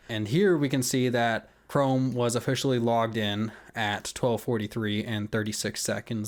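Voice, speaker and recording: A man giving casual, conversational screen-recording commentary, explaining step by step and often checking in with the listener. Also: fairly low pitch. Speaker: video creator walking through an account hack.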